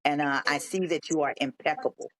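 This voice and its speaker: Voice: mid-range voice, fairly even intonation, a little fast, a bit bright. A podcast host leading an interview, encouraging the guest and echoing short agreements. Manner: affirming, repeats short agreements. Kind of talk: interview hosting.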